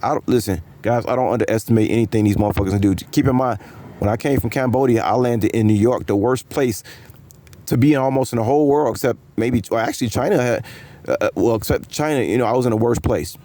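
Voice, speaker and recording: A man's voice: mid-range voice, fast, dark tone. A man talking to his viewers in a casual, rambling, conspiratorial vlog monologue, full of fillers and restarts. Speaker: vlogger.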